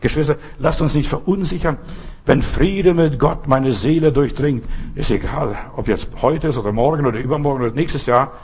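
A man's voice: mid-range voice, normal speed, a little mellow, breathy edge. An older man, a pastor, preaching an earnest sermon and telling stories with acted-out quotes.

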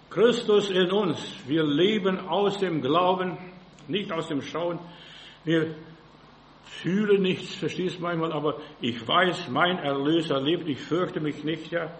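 Male preacher, high gravelly voice, fervent sermon, keeps saying "ja", roomy echo. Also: a little hiss or hum. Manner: fervent, repeats "ja" constantly, acts out frightened voices.

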